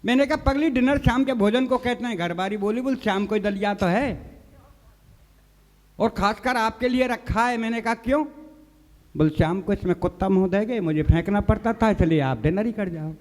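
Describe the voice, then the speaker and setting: A comic poet performs humorous poems and tales at a live poets' gathering, his voice sitting high with a darkish tone at normal speed. The room sounds big, and he plays out the characters' dialogue while calling the audience "sahab".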